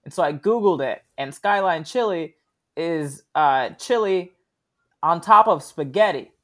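A man's voice: a little high, unhurried. A man, a sketch comedian, chatting casually as an interview guest, laughing often as he tells stories. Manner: laughs often, relaxed storytelling with fillers.

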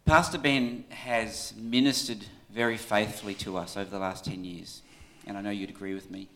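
An Australian man giving an informal church tribute in a halting, conversational way, often checking in with his listeners. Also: on the low side, steady tone, bright, forceful tone, a little hiss or hum.

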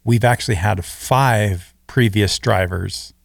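A man's voice: fairly low pitch, slow, vocal fry, no echo, clean studio sound. A man co-hosting a podcast, talking casually and teasing his host in a laid-back way.

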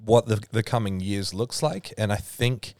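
This podcast host, who organises powerlifting, has a fairly low pitch and speaks at a normal speed. His casual chat is relaxed and long-winded, full of filler words. The sound is clean, studio-grade, with no echo.

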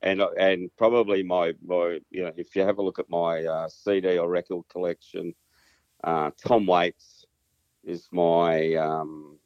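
Low-pitched Australian man, hesitant and casual. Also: little pitch movement, unhurried. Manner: hesitant, rambling, self-deprecating. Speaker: interview guest, musician and singer. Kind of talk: casual conversational interview. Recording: muffled, roomy sound.

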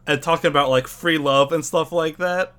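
A man co-hosting a casual podcast, speaking hesitantly and often pausing to find his words. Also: a little high, steady tone, sharp tone, clear, resonant tone. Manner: hesitant, lots of fillers and restarts. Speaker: podcast co-host.

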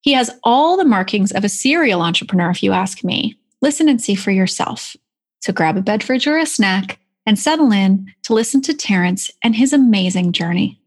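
A woman's voice: medium pitch, animated, normal speed. A woman in her forties hosting a podcast as an executive coach, enthusiastic and effusive in her introductions and questions. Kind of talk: upbeat podcast interview.

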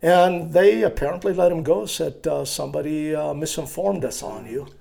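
A man in his sixties from Iraq, telling his life story in an interview with a hesitant, halting manner and many fillers. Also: fairly high pitch, vocal fry, mellow. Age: 60s. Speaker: guest.

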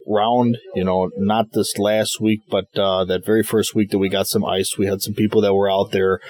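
A male interview guest talks in a casual, rambling way, often padding with small filler phrases. His voice sits a bit low. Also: flat delivery, normal speed, a little mellow. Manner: rambling, peppered with "you know". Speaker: bait shop interview guest giving fishing reports. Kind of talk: casual chat. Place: inside an ice shelter on display at a shop.

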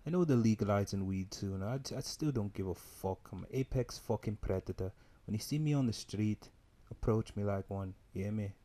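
A man's voice: on the low side, warm tone. A man co-hosting a podcast, talking in a swaggering, profane, slangy manner. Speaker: podcast co-host. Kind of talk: casual banter.

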